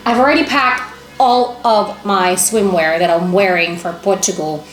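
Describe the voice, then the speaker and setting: Casual female haul vlogger, chatty and enthusiastic, medium pitch, roomy echoey sound with music under the voice. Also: unhurried. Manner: chatty, enthusiastic, exclaiming over items.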